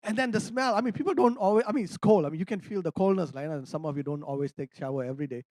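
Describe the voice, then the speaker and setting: A man from India, a pastor telling a personal story in a sermon, animated and laughing often as he acts out conversations. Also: high voice, racing, no echo, clean studio sound.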